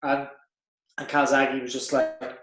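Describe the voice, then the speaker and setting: A man hosting a casual podcast chat, telling lively anecdotes. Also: medium pitch, measured pace. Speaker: podcast host. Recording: roomy echo.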